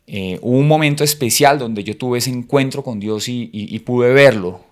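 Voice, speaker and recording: A middle-aged man from Cúcuta, Colombia, speaking with the local accent, shares his personal faith testimony as an interview guest. His voice is mid-range and his speed normal, and he sounds reflective and hesitant, using many fillers.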